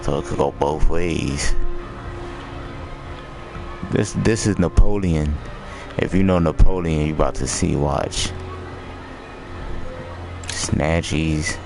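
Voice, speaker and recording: A man's voice: rumbling low, steady tone, takes it slowly, gravelly, pauses often, over music. An American man giving casual, slangy live commentary on a game as he streams it. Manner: slangy, informal.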